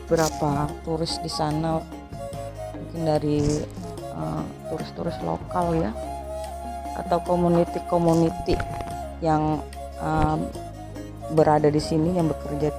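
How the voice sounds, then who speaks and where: A woman from Indonesia, vlogging outdoors in a city square and filming herself with a handheld phone, hesitant, with many fillers. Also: deep voice. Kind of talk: casual vlog narration. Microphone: phone held by hand, no tripod.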